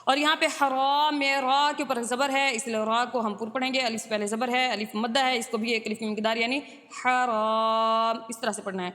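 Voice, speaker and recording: A woman with a high voice teaches Quran recitation rules. She chants each verse slowly and stretches it out, then explains it plainly and briskly. A long reverb trails after her voice. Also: fairly even intonation, a bit bright. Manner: alternates slow drawn-out Arabic recitation with brisk explanation.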